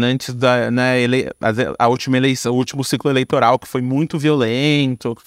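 A man with a Brazilian Portuguese accent, a podcast guest who works as an audio storyteller and creator, talks about his creative work in an informal, slangy, run-on way, often tacking on tag questions. His voice is medium-pitched, and the recording is dry with clean studio sound.

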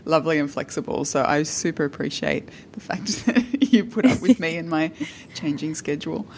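A woman's voice: sits low, animated, vocal fry, slight background noise. A woman hosting a podcast, chatting in a bubbly way and laughing easily as she opens an interview. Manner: bubbly, quick to laugh, warm thanks. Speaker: podcast host. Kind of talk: casual interview chat.

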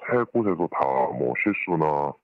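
An anonymous interviewee speaking over the phone with their voice pitched down to disguise it, explaining things calmly and with many small fillers. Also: measured pace, dry recording. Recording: narrow phone line.

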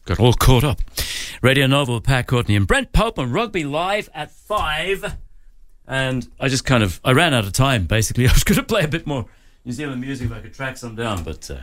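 A man with an Irish accent hosting a radio sports show, bantering in a jokey, quick-witted way. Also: mid-range voice, big pitch swings, a bit bright. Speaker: radio host. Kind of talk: casual radio chat.

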